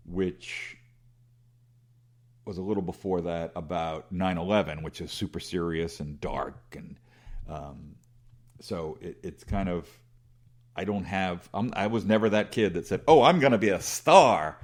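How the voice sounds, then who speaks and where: This middle-aged interview guest has a big voice that sits low with a darkish tone, and he talks a little slowly. His casual storytelling is rambling and self-deprecating, full of restarts.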